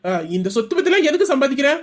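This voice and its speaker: Performer doing a stern thrifty father, lecturing tone, fast talk, audio drama. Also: sits high, sing-song. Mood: justifying. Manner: lecturing, self-justifying, persuasive. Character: stern thrifty middle-aged father, shop owner. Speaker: father Sellamuthu.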